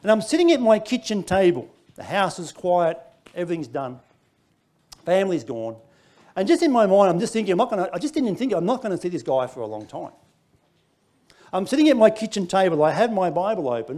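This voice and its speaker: Animated Australian man telling a story. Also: high-pitched, brisk. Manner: animated storytelling, laughing through lines. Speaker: preacher. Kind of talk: sermon testimony.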